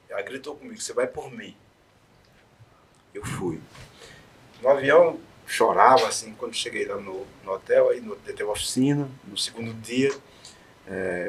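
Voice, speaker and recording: Speaking with a slightly rough, lowish voice, a male interview guest recounts a moving personal story sincerely, sometimes dropping to a hush and sometimes rising to loud encouragement.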